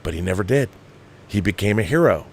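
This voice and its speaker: Husky, with vocal fry and a fairly low pitch, this man talks fairly quickly and with animation as he hosts a film commentary show. His opinionated movie rant is exasperated, emphatic and profane.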